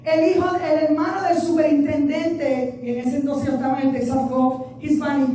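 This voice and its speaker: A middle-aged woman pastor preaching a sermon, telling stories with animation and swinging between hushed and loud, emphatic delivery. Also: high voice, little pitch movement, moderate pace, slight background noise. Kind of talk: Spanish-language sermon with personal storytelling. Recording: echoey church hall, voice from a distance.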